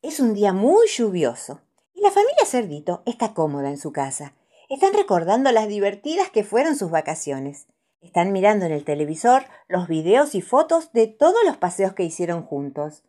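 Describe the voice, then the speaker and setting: A woman reading children's stories aloud, soft and playful. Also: medium pitch, wildly swooping pitch, moderate pace. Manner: soft, playful, sing-song delivery. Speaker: storyteller.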